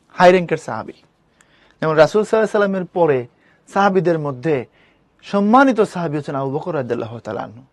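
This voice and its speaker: A man's voice: sits high, no room sound. Dry-voiced male teacher. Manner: explains patiently, asks students questions. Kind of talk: live online class lecture.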